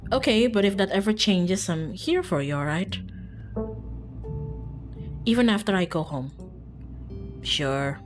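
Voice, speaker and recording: Reading a visual novel aloud on stream, this woman chats informally, giggles, and interrupts herself as she plays. She speaks at a normal speed in a mid-range voice with lively intonation and frequent pauses, with music in the background.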